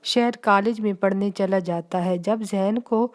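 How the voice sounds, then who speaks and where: A woman reading a scripted children's story as narrator, in storybook style. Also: medium pitch.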